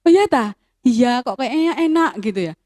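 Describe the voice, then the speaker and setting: A woman's voice: a little high, animated, moderate pace, darkish tone. A woman, telling a personal testimony in a sermon for young people and mixing in phrases as she tells the story. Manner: storytelling, drops into Javanese phrases. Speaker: youth speaker.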